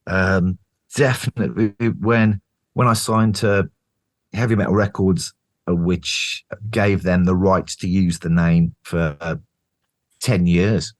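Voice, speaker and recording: Low-voiced and slow, a middle-aged British man who sings in a band recounts road stories as a guest in a casual interview. With his British English accent, he tells them with animation, swears freely, and acts out people's words.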